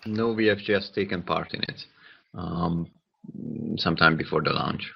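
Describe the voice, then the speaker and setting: A man's voice: low voice, measured pace, creaky, husky. A man who is a web developer explaining matter-of-factly in a casual chat over dull lo-fi audio.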